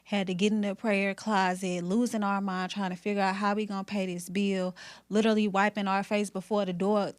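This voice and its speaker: A woman's voice: mid-range voice, flat delivery, fairly quick. Emphatic woman hairstylist testifying about faith. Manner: emphatic, faith-filled storytelling. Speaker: hairstylist guest. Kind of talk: candid conversation.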